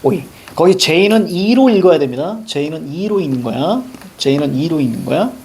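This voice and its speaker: Male teacher, husky and high-pitched, lively lecturing style that keeps quizzing the class. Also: brisk. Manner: animated, asks the class questions constantly. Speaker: Korean language teacher.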